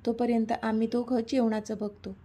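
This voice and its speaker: A woman's voice: on the high side, flat delivery, normal speed, mellow, close to an everyday voice. A woman voicing a hospitable, insistent middle-aged father in a read-aloud story. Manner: insistent, kindly. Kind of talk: storybook reading.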